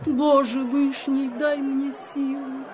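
A woman's voice: high-pitched, flat delivery, slow, music in the background. An actress playing an anguished noblewoman bearing grim news in a declaimed, tremulous verse drama style. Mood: anguished dread.

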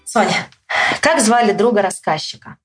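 A woman teacher reading a children's story aloud with lively expression, acting out the shouts, then quizzing a pupil. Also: normal speed, soft background music. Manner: acts out the boy's shouts with big jumps in pitch. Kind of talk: expressive read-aloud with quiz questions.

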